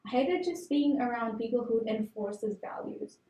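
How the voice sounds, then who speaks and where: Young woman, from Tanzania, candid storyteller, mellow higher voice, echoey room. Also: animated, normal speed. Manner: candid personal storytelling with fillers. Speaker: guest. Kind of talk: conversational interview.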